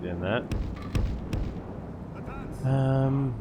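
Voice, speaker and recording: A man's voice: medium pitch, very slow. A man giving casual strategy game commentary as a streamer, thinking aloud as he goes. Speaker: gaming streamer. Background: game music.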